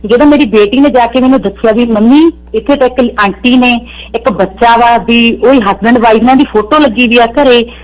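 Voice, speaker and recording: A woman's voice: fairly high pitch, fairly quick, poor audio. A woman calling in to a radio show, earnestly pleading her case and calling the host sir. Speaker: caller. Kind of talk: emotional phone-in account.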